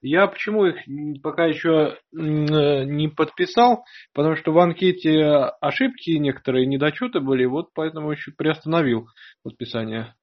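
This man, an applicant hoping to become a student, is on a phone call with an official, speaking courteously yet tentatively at a moderate pace. His voice is on the high side, and the line sounds dull and lo-fi.

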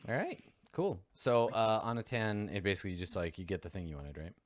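A man's voice: lowish voice, expressive, fairly quick, dry recording. A man narrating as game master of a tabletop role-playing game, rambling with many fillers and restarts.

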